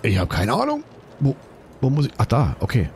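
Panicky gravelly gamer man. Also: medium pitch, fairly quick, a little hiss or hum. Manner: excitable, swears and repeats panicked exclamations. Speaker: let's play gamer. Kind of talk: live gameplay commentary.

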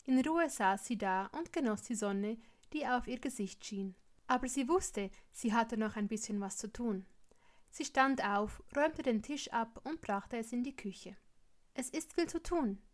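A woman reading fan fiction aloud in steady, plain storytelling. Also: a little high, unhurried. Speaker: reader.

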